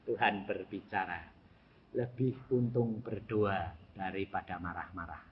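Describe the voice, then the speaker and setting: A man preaching a sermon, telling stories and swinging between shouts and hushed asides. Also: sits low, steady tone, a little slow. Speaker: evangelist preacher. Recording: echoey hall, slightly dull, faint noise.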